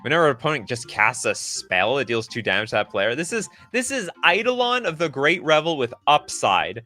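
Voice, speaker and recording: A man streaming live, reacting loudly and sarcastically while rating cards and answering chat. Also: medium pitch.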